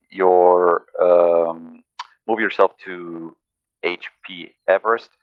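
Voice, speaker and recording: A man coordinating units over a radio in military call procedure, halting and correcting himself mid-call. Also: low-pitched, no room sound. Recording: tinny radio-like sound.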